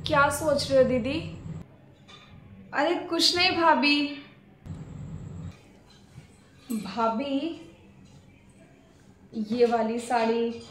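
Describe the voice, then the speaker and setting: A woman's voice: sits high, slow pace, long pauses, a bit bright, reverberant, slight background noise. Woman playing a spoiled greedy sister-in-law. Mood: sly. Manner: demanding, whiny, bossy. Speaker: husband's sister. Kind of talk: family skit drama.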